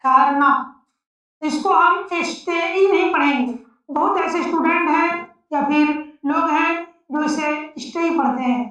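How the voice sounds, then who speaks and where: A woman teaching an English pronunciation lesson, spelling out letters slowly and repeating each word. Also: high-pitched, a bit bright. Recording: echoey, distant, dull lo-fi sound.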